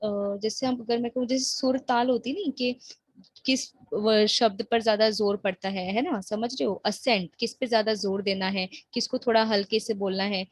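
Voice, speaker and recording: A woman teaching an English grammar lesson, explaining patiently and reading example sentences slowly. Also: medium pitch, fairly even intonation, dry recording. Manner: patient, explains slowly, checks in with the listener often.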